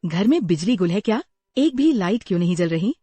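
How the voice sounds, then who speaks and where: A woman's voice: mid-range voice, very animated, fairly quick, mellow, husky, no room sound. A woman voicing a remorseful imprisoned ex-wife in a dubbed drama, speaking in an emotional, pleading way. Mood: regretful.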